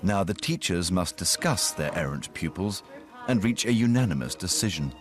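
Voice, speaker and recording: Male TV narrator, very low and animated, wry delivery over a music bed. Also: moderate pace. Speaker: documentary narrator. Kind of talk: scripted narration.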